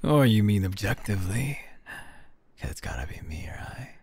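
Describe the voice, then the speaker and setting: A man voicing a scornful young male villain who taunts in a breathy, gravelly whisper, in a fan audio roleplay. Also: deep voice, lively intonation, heavily acted. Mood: sly. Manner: taunting, drawn-out, hushed close to the listener.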